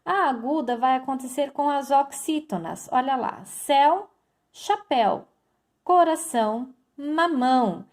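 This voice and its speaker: A woman's voice: sits high, unhurried. A woman teacher giving a recorded lesson, explaining step by step and addressing her students directly. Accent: Brazilian Portuguese.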